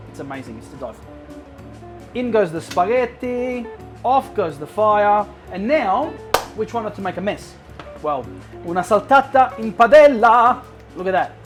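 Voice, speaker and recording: An enthusiastic cooking show host giving a casual demonstration to viewers, often repeating words for emphasis, over a sizzling pan. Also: medium pitch.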